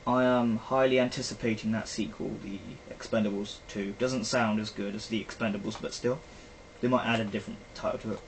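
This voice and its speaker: Speaking a little fast with few pauses, a young British man keeps a steady tone in his lowish voice. He's a vlogger giving a casual, rambling film review packed with fillers. Faint background noise and poor recording quality accompany him.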